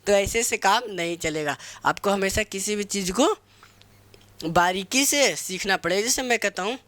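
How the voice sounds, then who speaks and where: A man's voice: sits high, moderate pace, a bit bright, dry recording. A young man teaching English grammar in Hindi, spelling out words letter by letter and asking his own questions before answering them. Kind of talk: Hindi-medium grammar lesson.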